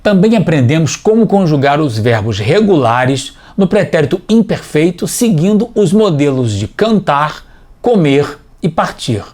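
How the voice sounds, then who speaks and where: A man teaching a scripted TV language lesson for children, explaining clearly and patiently, step by step. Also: fairly high pitch, very animated, a little slow, darkish tone.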